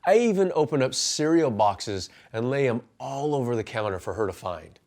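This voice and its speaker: Man, 40s, coach and pastor type, earnest storytelling that turns to direct motivational punch, mid-pitched voice. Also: expressive, moderate pace, darkish tone. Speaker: men's life coach and pastor. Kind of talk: personal testimony and motivational talk.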